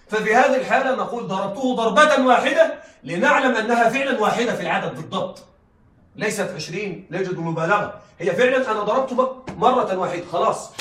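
A man's voice: sits high, expressive, quick pace, fairly bright tone. A male teacher giving a classroom lecture, often checking that the class follows and laughing lightly as he explains. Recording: echoey room, mic at a distance.

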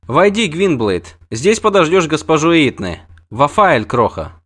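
A man voicing a brisk, amused young archer girl in an audiobook reading. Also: on the high side, very animated, fairly bright tone, pitched above the performer's own voice, exaggerated voice.

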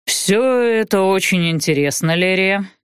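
A woman voicing a sarcastic exiled male aristocrat who speaks in a dry, measured way. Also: low voice, lively intonation, dry recording, voice pushed down. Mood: sardonic.

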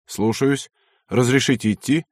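A man's voice: medium pitch, a little slow, darkish tone, dry recording, studio quality, close to an everyday voice. A man voicing a respectful, obliging middle-aged male estate manager.

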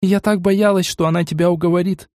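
Guy doing a weepy young bride voice, pleading, pitched way up, dry audiobook. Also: fairly even intonation, fairly quick, darkish tone, no room sound, lightly acted. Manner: pleading, emotional. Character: tearful young woman, a proud princess bride. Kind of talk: audiobook character voice.

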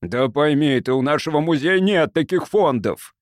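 A man voicing an excitable, grasping museum curator who shouts indignantly in an audiobook. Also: fairly high pitch, moderate pace, no room sound, clean studio sound, voice pushed up, lightly acted.

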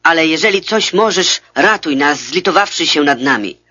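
A man's voice: on the high side, animated, moderate pace, pushed and bright, slightly rough, exaggerated voice. A man reading the part of a desperate father pleading for his son, in an earnest scripture reading on a dull lo-fi recording.

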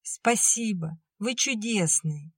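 A woman voicing a soft-hearted pregnant young woman who pleads gently and nearly cries. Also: lowish voice, a little slow, no room sound, studio quality. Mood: tearful.

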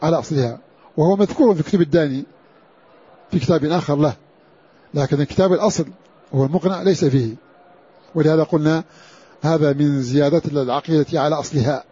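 A man lecturing as a religious teacher, his voice husky and slightly raised in pitch. He repeats key phrases and chants brief recitation samples. It comes through a dull, lo-fi recording. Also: fast talker, pauses often, dark tone. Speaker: Quran scholar teaching a class. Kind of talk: classroom lecture on Quran orthography.

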